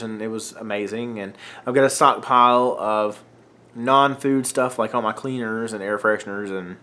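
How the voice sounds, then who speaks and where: Sitting in a room at home under a ring light, a young North Carolina man talks to the camera, its mic picking up his unedited vlog chat. His voice is medium in pitch and fairly bright, though he's getting a cold and keeps clearing his throat. He drifts off topic, interrupts himself, and relies on lots of filler.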